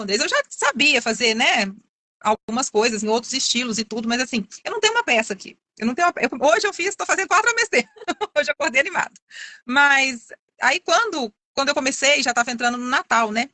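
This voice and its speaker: Fast-talking high-voiced woman. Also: pushed and bright, no echo. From Minas Gerais, Brazil. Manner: chatty storyteller, many restarts and fillers. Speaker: course student giving a testimonial. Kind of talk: casual testimonial on a live video call.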